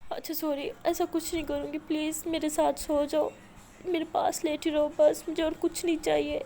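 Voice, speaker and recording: Brief: desperate pleading young woman in love, tearful and insistent, high and gravelly, read by a woman narrator. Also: steady tone, slight background noise. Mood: tender begging. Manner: tearful, begging, repeating please.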